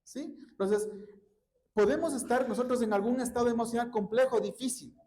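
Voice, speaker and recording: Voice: medium pitch, normal speed, dark tone. Preacher teaching with rhetorical questions. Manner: recounts personal workshop anecdotes. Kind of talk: conversational sermon. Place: church.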